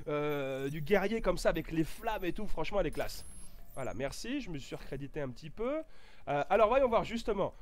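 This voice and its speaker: A high-pitched man talking through his gameplay in a casual, excitable way. His voice leaps all over the place, and he bursts into swearing and shouting before settling down again. His nose is stuffy and itchy. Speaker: gaming YouTuber.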